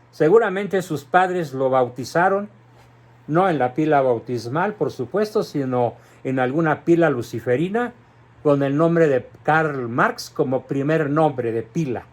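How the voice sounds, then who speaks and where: A man gives an indignant, emphatic political commentary, speaking deliberately to an audience. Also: fairly high pitch. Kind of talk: polemical commentary.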